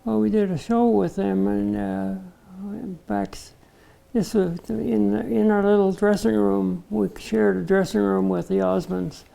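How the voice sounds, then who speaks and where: Gravelly older man reminiscing slowly. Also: sits high, little pitch movement, warm tone, rough recording. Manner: gravelly, unhurried storyteller with many "uh" pauses. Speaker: interview guest, retired barbershop tenor. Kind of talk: casual reminiscing interview.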